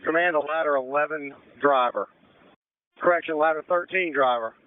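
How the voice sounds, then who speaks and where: High, clear male fire commander on radio. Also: dry recording. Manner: brisk, directive, procedural. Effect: two-way radio. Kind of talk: emergency radio dispatch commands. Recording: narrow-band fire radio transmission.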